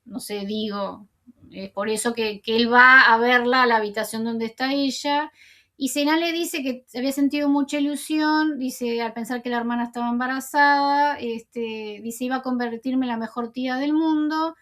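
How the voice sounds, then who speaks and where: Female series commentator, high voice, relaxed retelling. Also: normal speed. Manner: recounts dialogue, quoting characters in her own voice. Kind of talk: casual retelling of scenes with commentary.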